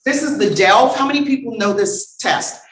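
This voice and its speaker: A woman giving a conference lecture, lively and humorous, bantering with the audience and calling for the next slide. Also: fairly high pitch, moderate pace. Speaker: conference speaker. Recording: roomy hall sound.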